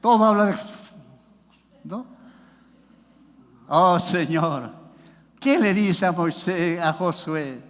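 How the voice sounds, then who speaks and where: High-voiced fervent preacher in a hall. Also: male voice, slow pace, pauses often. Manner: fervent preaching, with many "hermano" and "aleluya"; reads scripture verses aloud. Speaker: pastor. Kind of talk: sermon.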